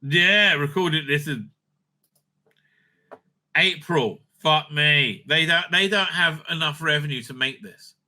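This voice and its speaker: A man giving unscripted, profane, opinionated commentary as a video host, stammering and repeating himself in an excitable way. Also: on the high side, slow, pauses often.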